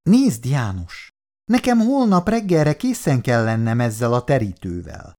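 An elderly housewife in a 1960s radio play, stubborn but dreamy, voice leaps up high when she insists. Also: sing-song, dark tone. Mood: firm. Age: older. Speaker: Mrs. Szabó. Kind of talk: 1960s radio drama acting.

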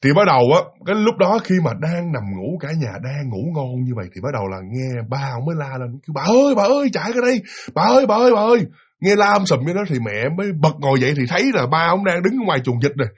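Male storyteller, Southern Vietnamese accent, brisk and slightly breathy, lively and chatty. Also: fairly high pitch. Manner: lively, animated, addresses listeners directly. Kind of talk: casual ghost story telling.

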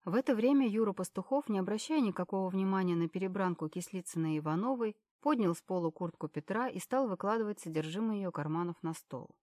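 A woman narrating an audiobook in an even storytelling manner. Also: mid-range voice, fast, hardly any pauses, dry recording.

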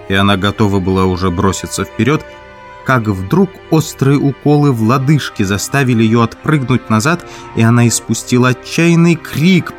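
A man reading a classic story aloud as an audiobook narrator, in measured, even storytelling. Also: medium pitch. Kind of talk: scripted narration.

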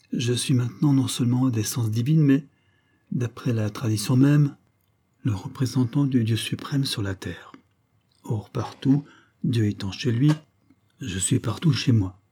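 A man's voice: mid-range voice, dark tone, breathy edge, natural voice. A man voicing a grave, formal male secret-society master in an audiobook, speaking in a solemn, ceremonious way.

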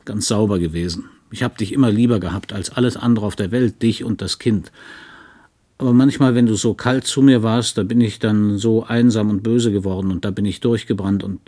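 An earnest middle-aged husband pleads softly and haltingly in a low voice, as a man reads him in an audiobook. He sounds devoted and sincere. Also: lightly acted. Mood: pleading. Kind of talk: audiobook reading.

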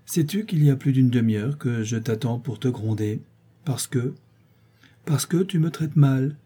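Guy putting on a cheeky young dancer girl, scolding and playful, kinda husky, storybook reading. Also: medium pitch, unhurried, dark tone. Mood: teasing. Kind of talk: audiobook character voice.

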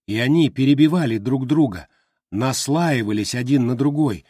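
A man narrating an audiobook in a slow, measured, deliberate way. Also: medium pitch, darkish tone, no room sound, studio quality. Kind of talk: scripted narration.

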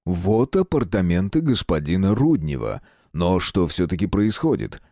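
A man's voice: sits low, sing-song, moderate pace, mellow, no room sound, studio quality. A man voicing a haughty, indignant doctor who is easily flustered. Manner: indignant, then bewildered.

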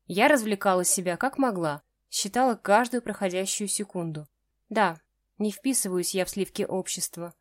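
A woman narrating a first-person romance audiobook in a measured, even way. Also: mid-range voice, dry recording.

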